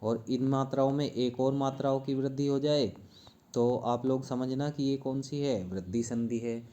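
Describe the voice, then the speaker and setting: A man's voice: mid-range voice, steady tone, normal speed, dark tone, lo-fi sound. A man teaching a Hindi grammar lesson for exam preparation, repeating key terms and quizzing his students with questions.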